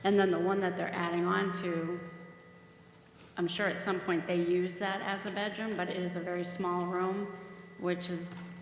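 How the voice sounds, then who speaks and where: A woman speaking as an applicant before a planning board, conversational and halting, often restarting her sentences. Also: lowish voice, level tone. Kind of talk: answering questions at a public meeting. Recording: echoey hall, faint noise.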